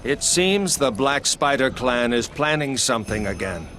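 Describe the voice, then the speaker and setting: An actor playing a loyal, dutiful ninja villager in a video game. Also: male voice, mid-range voice, animated, normal speed, bright, forceful tone, a little hiss or hum. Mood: respectful, steady. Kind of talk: English video game voice acting.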